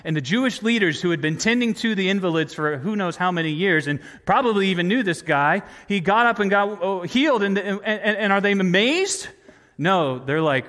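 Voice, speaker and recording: A man's voice: a little high, fairly bright tone. A male pastor preaching a sermon, talking to the congregation in a conversational way and asking them questions. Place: church. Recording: long church reverb.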